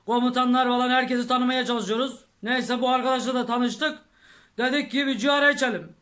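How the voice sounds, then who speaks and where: A man's voice: very high voice, steady tone, a little fast, pushed and bright. A man telling a rambling army story to his viewers, peppered with oaths and chuckles. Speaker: vlogger. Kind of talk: casual storytelling to camera.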